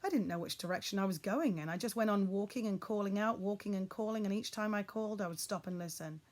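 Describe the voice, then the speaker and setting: Female storybook reader, expressive and suspenseful. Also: medium pitch, quick pace. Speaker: audiobook reader. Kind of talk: reading a children's novel aloud.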